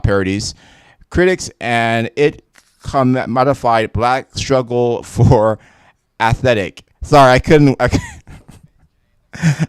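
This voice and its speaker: Smooth-voiced man reading the news haltingly. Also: mid-range voice, no room sound, clean studio sound. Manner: reads haltingly with self-corrections and asides. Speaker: live-stream host reading news. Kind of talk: casual commentary reading articles aloud.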